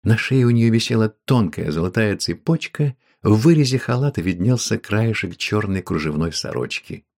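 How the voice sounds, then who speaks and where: A man narrating a story in a measured, unhurried audiobook reading. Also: on the low side, expressive, a little mellow. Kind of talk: scripted narration.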